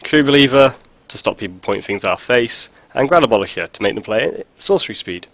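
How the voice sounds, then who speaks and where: His mid-range voice is gravelly and a bit bright, fairly quick with lively intonation, and there's no room sound. He's a stuffed-up video host with a cold, chatting through a card game with dry jokes and heavy filler.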